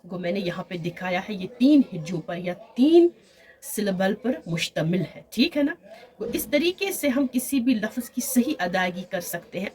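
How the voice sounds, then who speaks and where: A woman's voice: mid-range voice, a little mellow. A woman teaching an online Urdu grammar lesson over slides, stretching out example words and often checking in with "theek hai na?". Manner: slow, drawn-out word examples, frequent "theek hai na?".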